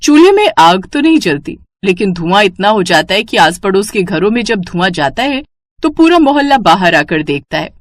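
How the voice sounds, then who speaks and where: Storyteller woman, scripted narration, mid-pitched and expressive. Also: normal speed, no room sound.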